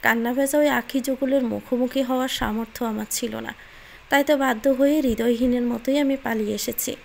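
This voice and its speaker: A woman's voice: a little high, fairly even intonation, a little fast, vocal fry, a little hiss or hum. A woman reading the part of a stern young man who scolds harshly but speaks tenderly underneath, in a Bengali audio story. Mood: solemn. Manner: scolding, harsh, then quietly solemn.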